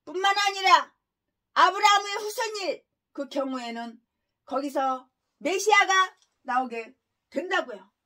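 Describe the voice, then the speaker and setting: A woman pastor preaching with a very high, piercing voice. She scolds her listeners relentlessly and throws out crude insults and rhetorical questions. Her tone stays bright and forceful throughout. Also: animated, a little slow, long pauses. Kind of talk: expository sermon.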